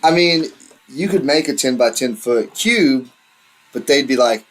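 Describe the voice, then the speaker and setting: A man's voice: medium pitch, animated, measured pace, fairly bright tone, poor audio. A man running a tabletop game as dungeon master, explaining rules patiently.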